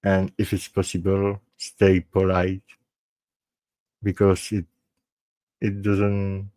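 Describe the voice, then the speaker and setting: In a dry recording, a low-voiced Belgian host of a live true crime show closes his stream with a completely flat delivery and a dark tone. French is his first language, and his earnest, halting speech keeps restarting and drifting into French.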